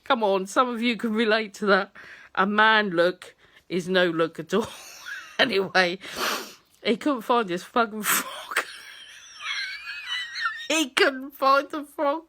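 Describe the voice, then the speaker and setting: A woman's voice: medium pitch, measured pace, sharp tone. A woman telling a story to camera from her front room at home, laughing often and swearing freely. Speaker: vlogger.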